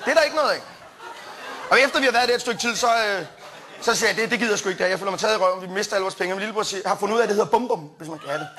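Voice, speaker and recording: A young man doing stand-up, telling a rambling story with plenty of fillers, restarts and quick jumps into quoted voices. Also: high voice, sharp tone, slight background noise. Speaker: stand-up comedian. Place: comedy stage before a live audience.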